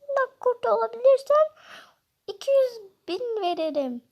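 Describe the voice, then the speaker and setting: A woman's voice: very high-pitched, big pitch swings, unhurried, creaky, lo-fi sound, pitched above the performer's own voice, heavily acted. A woman voicing a taunting villainous toy in a mocking, gloating way.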